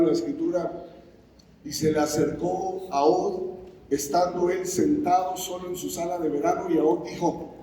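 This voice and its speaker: Preaching in a church sanctuary, a man with a fairly high, dark-toned voice gets the congregation to answer him and performs scripture scenes. There's slight background noise, heavy hall echo, and a far-off mic.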